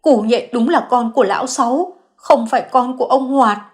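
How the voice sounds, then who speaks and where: A woman voicing a young mother caught in a lie, crying and begging forgiveness in a high, strained voice. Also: measured pace. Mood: tearful confession. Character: young mother caught lying, tearful, groveling.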